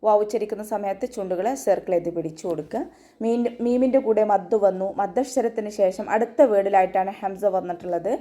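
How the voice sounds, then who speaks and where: Woman, recitation teacher for an online tajweed class, warm, mid-pitched, methodical. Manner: steady step-by-step instruction, often ending with a gentle check-in; breaks into slow, high, sustained chanting for verse examples.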